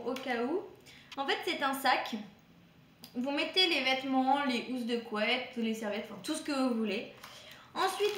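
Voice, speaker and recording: A woman's voice: sits high, a bit bright, reverberant, slight background noise. A woman vlogger casually reviewing products from a shopping haul, chatty and hesitant, with frequent fillers and restarts. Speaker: beauty vlogger.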